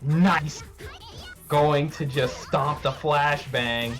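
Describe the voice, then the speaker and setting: A man's voice: fairly high pitch, steady tone, extremely slow, a bit bright, faint music behind. A man commentating a fighting game tournament live, calling the action with dramatic hype. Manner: dramatic, hyping the players. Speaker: esports commentator.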